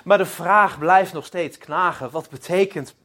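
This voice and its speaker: Halting man preaching a sermon. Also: high voice. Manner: halting, repeats words, lively storytelling. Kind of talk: sermon with storytelling.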